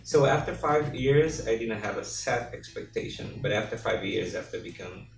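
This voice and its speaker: A man whose first language is Portuguese, answering interview questions in halting English and often searching for words. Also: on the low side, expressive, vocal fry. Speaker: interview guest. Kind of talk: casual conversational interview. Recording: echoey room from far off, music behind.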